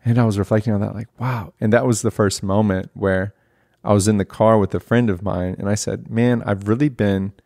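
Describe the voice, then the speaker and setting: A man's voice: on the low side, fairly even intonation, fairly quick, gravelly, warm tone, no room sound, studio quality. A young man hosting a podcast, talking in a reflective, earnest, casual way. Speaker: podcast host. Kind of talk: casual conversational podcast talk.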